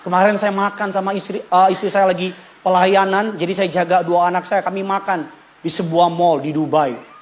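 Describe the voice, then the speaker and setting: A male pastor preaches a lively sermon. His voice sits high, and he jumps from loud bursts to quiet asides. Faint church room noise sits behind him. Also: moderate pace. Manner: animated, shifts pitch and loudness, acts out quotes with shouts.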